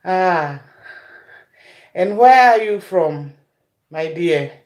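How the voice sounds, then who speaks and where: A woman's voice: fairly low pitch, expressive, extremely slow, darkish tone, reverberant. A woman from Ghana with a Ghanaian English accent hosts a casual cooking livestream. She greets her viewers one by one and calls them "my dear". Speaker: cooking show host.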